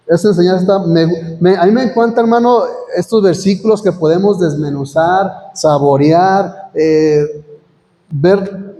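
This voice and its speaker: High-voiced preacher man in a reverberant church. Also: warm tone. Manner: reads scripture aloud, asks the congregation questions. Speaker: pastor. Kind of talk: sermon. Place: church hall. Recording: long church hall reverb.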